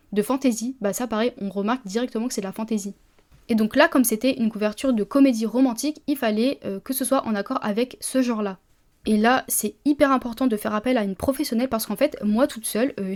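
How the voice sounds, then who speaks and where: A chatty woman talks straight to her listeners in a casual solo podcast. Her voice sits a touch high, and she often stops and restarts her sentences with lots of fillers. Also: warm tone. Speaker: publisher and podcast host.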